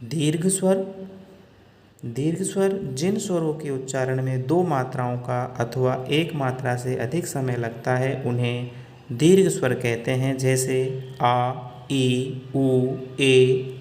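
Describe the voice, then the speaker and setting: A man teaching Hindi grammar in a slow, deliberate lesson, drawing out each example sound. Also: mid-range voice, a little mellow. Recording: echoey room with long reverb.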